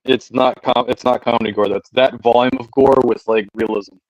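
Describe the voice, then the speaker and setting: A man's voice: medium pitch, steady tone, moderate pace, a little mellow, dry recording. A man chatting casually from home on a video call over his phone, his voice choppy and cutting in and out, often restarting and repeating words. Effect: choppy mic cutting in and out over a phone call.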